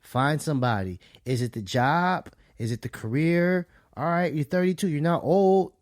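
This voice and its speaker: A man co-hosting a podcast, giving calm, reasoned advice in a casual way. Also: a little high, normal speed, no room sound, clean studio sound. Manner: calm, reasoning advice with "you know what I'm saying". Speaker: podcast co-host.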